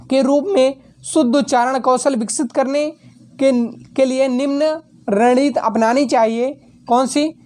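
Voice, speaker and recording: A woman with a slightly high voice reads exam answers aloud like a teacher dictating notes. She goes through each point steadily and sometimes stops to fix a word she has just said. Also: darkish tone.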